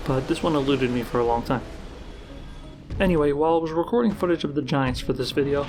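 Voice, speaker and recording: A man giving measured, explanatory scripted narration for a countdown-style video of game trivia. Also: a little high. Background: background music.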